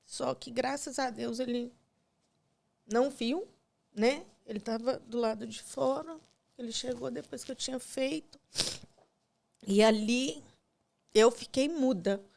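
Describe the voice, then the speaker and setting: A tearful woman with a high voice and a gravelly edge tells a painful personal story. She acts out each exchange in quoted dialogue, and at times her voice drops to near a whisper. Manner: retells scenes with quoted dialogue, voice breaking softly. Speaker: podcast guest.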